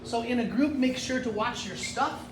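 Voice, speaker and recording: A man's voice: extremely high pitch, moderate pace. A middle-aged man, a pastor, giving a casual travel briefing to a group as a chatty storyteller. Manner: chatty storyteller, frequent restarts. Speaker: pastor leading a trip meeting. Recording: echoey room from far off, noisy.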